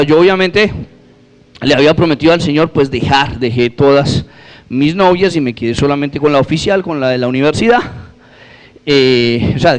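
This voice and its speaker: A young man preaching and telling his conversion testimony to an audience, acting out the dialogue with changing voices. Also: on the high side. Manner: lively storytelling, acts out dialogue with changing voices.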